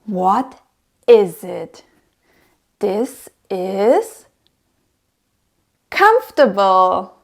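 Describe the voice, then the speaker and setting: A woman's voice: medium pitch, sing-song, very slow, pauses often. A woman presenting to toddlers as if reading to a small child, sing-song and encouraging, asking exaggerated questions and repeating words for them to copy. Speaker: presenter of a toddler learning show.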